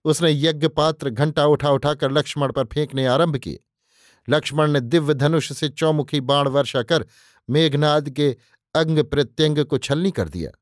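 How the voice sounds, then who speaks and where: A man's voice: a little high, normal speed, no echo. A man narrating an audiobook in a vivid, declamatory storytelling style, close on the mic. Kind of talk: dramatic scripted narration.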